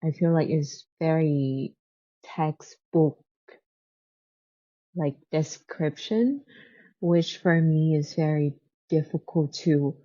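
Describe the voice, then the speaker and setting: A woman with a deep, warm voice chats casually and unscripted in the style of a book vlogger, often hesitating and searching for words. English is her second language, not her first, and the audio sounds dull.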